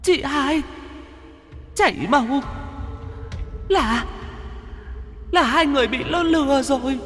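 A man voicing a tormented female ghost in a horror story, crying out high and strained. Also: takes it slowly, fairly bright tone, long reverb tail, soft background music, exaggerated voice. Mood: desperate. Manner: high strained pleading cries.

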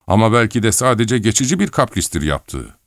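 Man voicing a deferential office clerk, polite, measured, lifted higher voice, dry sound. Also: big pitch swings, no echo.

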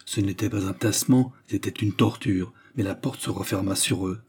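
A man reading a novel aloud in a steady, measured narration. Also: low voice, breathy edge. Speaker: audiobook reader. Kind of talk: scripted narration.

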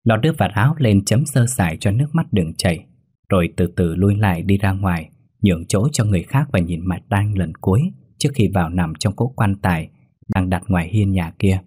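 A man narrating a scripted ghost story in a steady, unhurried way with a husky voice. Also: low-pitched. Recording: soft music bed under the voice.

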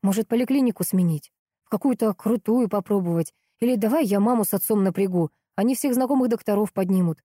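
A woman's voice: mid-range voice, fast, mellow, dry recording, studio quality, close to an everyday voice. A woman voicing a worried, insistent young father in an audiobook. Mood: anxious.

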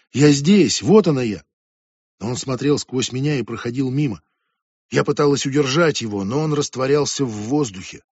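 Man doing a quiet, haunted teenage girl. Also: medium pitch, dry recording, dull audio.

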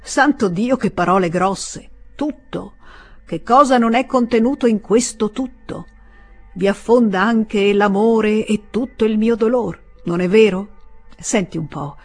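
An ironic, patronizing elder brother, read by a woman in an audiobook, reasoning calmly and lecturing. The delivery stays close to the reader's own voice with a slight lift. The tone is husky. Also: mid-range voice, measured pace, pitched above the performer's own voice, natural voice.

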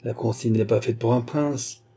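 A man with a husky voice reading a bold, commanding young prince in a period novel audiobook. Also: medium pitch, steady tone, normal speed, warm tone. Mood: haughty.

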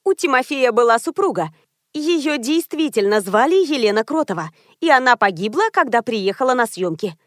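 A bossy, scheming publicist who pushes her plan with brisk confidence, as a woman narrator puts her on. The voice sits fairly high, and the audiobook recording is dry and close. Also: expressive, dry recording, lightly acted.

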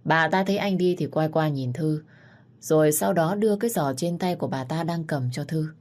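A woman narrating a first-person story in a calm, steady way. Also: deep voice, moderate pace.

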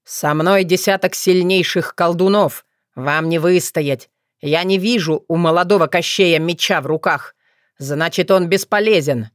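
A woman voicing an arrogant, cruel male sorcerer in a storybook reading, taunting in a slow, sneering way. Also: on the low side, no room sound, studio quality, lightly acted. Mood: mocking.

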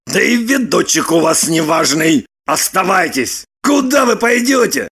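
A gruff, hungover man who mutters slowly in a gravelly, husky voice, as a woman reader puts him on. Audiobook character delivery. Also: lowish voice, very animated, fairly bright tone, exaggerated voice. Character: hungover grumbling middle-aged man.

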